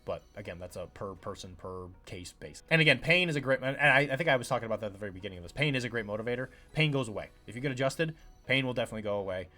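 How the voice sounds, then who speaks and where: A man's voice: medium pitch, animated, racing, sharp tone, soft background music. A man, a chiropractor hosting his own podcast, talking in a casual rambling monologue full of fillers and acted-out patient quotes.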